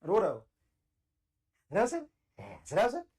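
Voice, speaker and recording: A woman's voice: medium pitch, wildly swooping pitch, moderate pace, a little mellow. A woman voicing a puzzled, eager student who keeps pleading questions to the teacher in a comic classroom skit.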